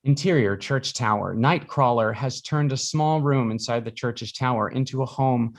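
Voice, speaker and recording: A man's voice: mid-range voice, normal speed. A man reading stage directions as narrator at a live screenplay reading.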